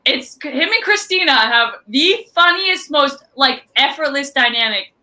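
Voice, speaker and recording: A woman's voice: high voice, expressive, measured pace, pushed and bright. A young adult woman, a podcast guest, chatting casually, teasing and gushing with enthusiasm. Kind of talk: casual chat.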